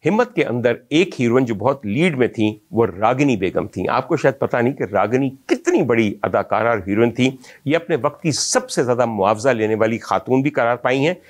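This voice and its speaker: A Pakistani film music historian hosts a storytelling talk about old film songs, speaking to his audience in an ornate, reminiscent way. His voice is medium in pitch, briskly paced and lively in intonation.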